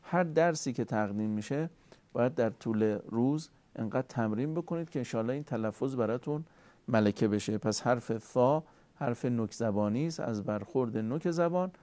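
A man giving a formal recitation lesson, courteous and deliberate, slowly drawing out sounds to show how they are made. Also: medium pitch, mellow, dry recording. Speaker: Quran recitation teacher.

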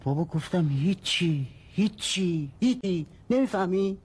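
An actor playing a brooding husband, a former gambler, who answers in short, sullen replies in a broadcast drama. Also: male voice, lowish voice, breathy edge. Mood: shouting. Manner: curt, sullen, then shouting.

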